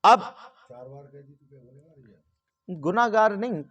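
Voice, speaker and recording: A man with a notably high voice gives a religious lesson. He talks straight to his listeners, patiently repeating each step and sounding out letters one by one. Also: fairly bright tone, slightly rough. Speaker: religious teacher. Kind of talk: religious instruction talk.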